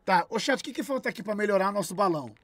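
Bright, teasing young man streaming. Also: sits high, expressive, very fast, no room sound, studio quality. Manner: teasing, crude, frequent laughter. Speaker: streamer host. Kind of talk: casual gaming stream chat.

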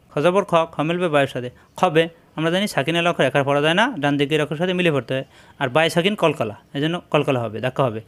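Male Quran reading teacher, slightly high voice, patient repeat-after-me drilling. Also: fairly bright tone. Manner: slow, drilling repetition of syllables. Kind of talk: spelling out Arabic letters in a recorded lesson.

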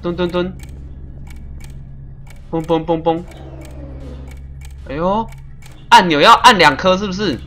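A man streaming a puzzle game live, chatty and excitable, laughing often and making little sound-effect noises as he plays. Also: high voice, slow, long pauses. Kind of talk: live gameplay commentary.

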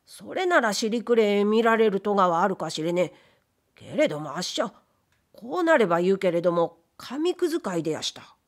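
A woman's voice: lowish voice, big pitch swings, a little fast. A woman reading aloud, voicing a humble, timid male ghost who was once a wastepaper dealer, speaking in polite, plaintive old Edo commoner speech. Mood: aggrieved. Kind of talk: audiobook reading of period fiction.

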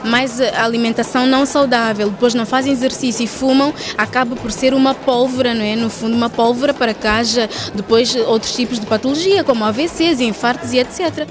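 A woman doctor from São Tomé and Príncipe, interviewed, calmly listing advice for a healthy life. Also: fairly high pitch, fast, music in the background.

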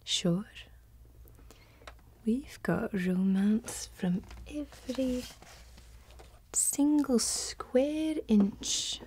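ASMR role-play, young Scottish woman, helpful fantasy librarian, hushed library soft voice, unhurried, mellow, faint hiss. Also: a little high, animated. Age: young adult. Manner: slow, hushed, gently helpful. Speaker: ASMR performer playing a librarian.

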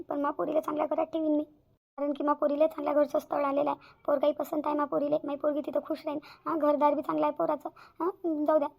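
A devoted village mother in a cartoon, speaking. She is plaintive and repetitive, and her high voice moves fast. She speaks in a narrow, gravelly register. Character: middle-aged village mother, devoted and resigned. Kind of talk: cartoon voice acting.

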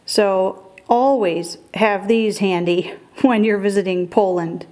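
A woman's voice: medium pitch, slow pace, a little mellow. A middle-aged woman hosting a currency collecting show, giving careful scripted educational narration.

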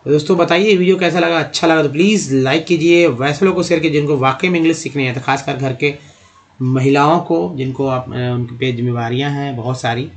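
Man spelling out words in a lesson. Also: on the high side. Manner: explains slowly, spells words letter by letter; asks and answers his own questions. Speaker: English teacher. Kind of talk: spoken English lesson.

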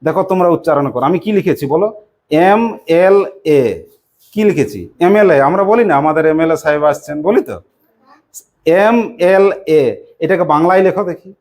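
A woman teacher with a West Bengal Bengali accent leads a classroom lesson in call-and-response style. Her voice sits a little low, and she asks each question again and again, patiently coaxing her pupils to answer. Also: a little fast, darkish tone. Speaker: primary school English teacher.

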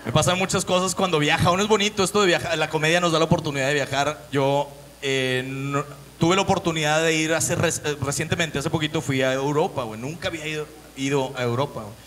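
High bright-voiced Mexican comedian. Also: male voice, steady tone, quick pace. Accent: northern Mexican. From Monterrey, Mexico. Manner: profane, storytelling, acts out voices. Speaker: stand-up comedian. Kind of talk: stand-up comedy set.

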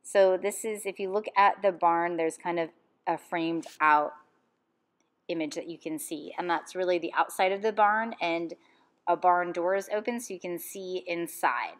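Calm, low-voiced woman teaching drawing. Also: moderate pace. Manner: calm step-by-step instruction. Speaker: art teacher. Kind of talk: drawing lesson voice-over.

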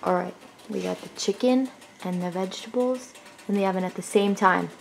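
A young adult woman with a medium-pitched, brisk voice and some vocal fry hosts a cheerful, casual cooking demonstration for her channel. She explains each step plainly from her home kitchen. The recording has a roomy kitchen echo and faint noise.

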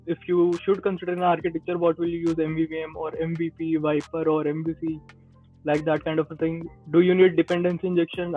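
Over a tinny, phone-like video call with faint music underneath, a high-voiced Indian man in his twenties explains things informally. He's a podcast guest and Android developer offering casual advice, speaking through earbuds in a small indoor room, and the recording is dry.

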